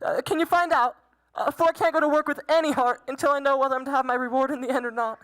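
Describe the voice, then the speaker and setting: Woman doing a shy lovesick young tutor guy in an old-time play, high voice, stammery and earnest. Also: steady tone, fast, a bit bright, poor audio. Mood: pleading, lovesick. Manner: nervous stammering, hesitant.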